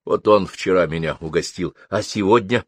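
A man's voice: sits low, moderate pace, husky, no room sound, clean studio sound. A man voicing an older woman canteen worker, weary and kind, who fusses and exclaims in a raised voice. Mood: questioning. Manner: fussing, exclaiming.

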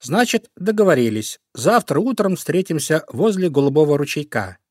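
A man voicing a small, gentle young male hare in a children's story. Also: a little high, big pitch swings, normal speed, no echo, studio quality, pitched above the performer's own voice. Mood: cheerful. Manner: plaintive, gentle.

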